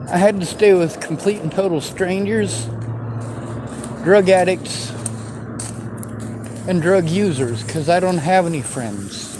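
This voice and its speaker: A man's voice: sits high, slow pace, long pauses. Male, 40s, vlogger, bitter and sweary, light hiss behind the voice. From western United States. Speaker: vlogger answering viewer questions. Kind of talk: angry unscripted monologue.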